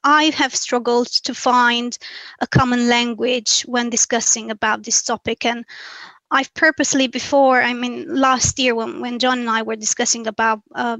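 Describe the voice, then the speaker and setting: A woman presents a webinar talk, her fairly high voice bright and held to a narrow, even tone. She sounds reflective and earnest, weighing each point as she goes, and the recording is dry and close. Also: no echo. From Romania. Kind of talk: academic presentation.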